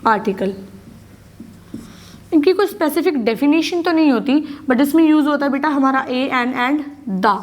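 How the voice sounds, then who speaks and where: High-voiced Indian woman teaching grammar. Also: measured pace. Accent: Indian English. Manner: explains patiently, repeats key words, asks and answers her own questions. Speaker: school English teacher. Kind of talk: classroom grammar lesson in Hindi and English.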